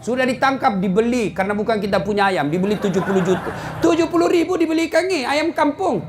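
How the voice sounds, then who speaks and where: A man preaching a comedic sermon to a congregation, telling stories with sudden sharp punchlines. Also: fast talker, background noise. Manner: animated storytelling with sudden high-pitched punchlines. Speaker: Islamic preacher.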